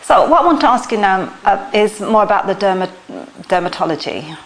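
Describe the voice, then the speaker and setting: A woman interviewer with a mid-pitched voice asks questions. She keeps a chatty, encouraging tone and keeps the exchange moving with short reactions. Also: lively intonation, brisk, low-quality recording. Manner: chatty, encouraging, frequent backchannels.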